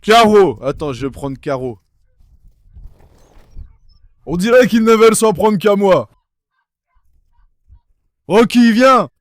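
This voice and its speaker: A man's voice: high voice, lively intonation, slow pace, pauses often, dry recording. A young man vlogging casually from his backyard pool, calling and coaxing his dogs with affection. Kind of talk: casual vlog chat.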